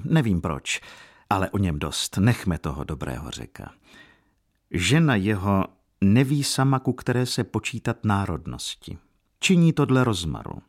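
Deep-voiced man as worldly count, calm, measured, grave, storybook audiobook.

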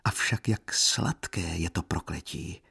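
A man with a husky voice reading the lines of a young man torn by longing in a story, speaking in an agitated, pleading way. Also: deep voice, bright, forceful tone, pitched below the performer's own voice, exaggerated voice. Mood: despairing.

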